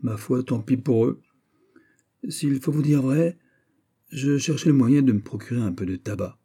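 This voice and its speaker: A man voicing a gruff, burly sailor who grumbles and wheedles. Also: mid-range voice, normal speed, warm tone. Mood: grumbling.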